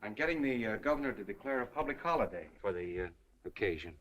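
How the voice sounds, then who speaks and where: An actor playing an earnest, smitten newspaperman, halting and tender, in 1930s screwball comedy film banter. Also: on the low side, animated, fairly bright tone, a little hiss or hum, low-quality recording. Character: earnest, smitten newspaperman, awkwardly gentle and solemn.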